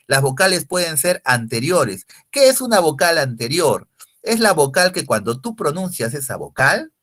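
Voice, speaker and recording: In a recorded language lecture, a man explains step by step, often checking in with rhetorical questions. His voice is fairly high and a bit bright.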